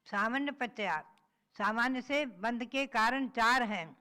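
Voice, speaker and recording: A woman's voice: on the high side, unhurried, pushed and bright. A woman, a Jain nun, giving a patient religious discourse, reciting verses and then explaining them.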